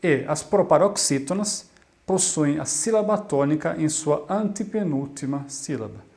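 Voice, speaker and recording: A man, teaching in a scripted video lesson. His voice sits a bit high for a man. He talks clearly and deliberately, slowing down to model each word. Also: animated, darkish tone. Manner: clear, deliberate, slows down to model Italian words. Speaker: Italian language teacher.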